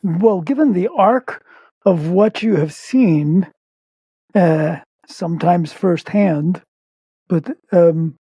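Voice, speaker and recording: A man hosting an interview, asking measured questions as he searches for words. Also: sits high, mellow, slightly rough, no echo. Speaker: podcast host, interviewer.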